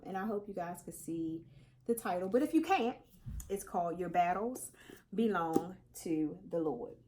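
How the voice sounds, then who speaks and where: A middle-aged woman vlogging casually to her viewers, chatty and animated, slightly congested, calling them y'all. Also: on the low side, background noise. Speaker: crochet vlogger. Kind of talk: casual chat to camera.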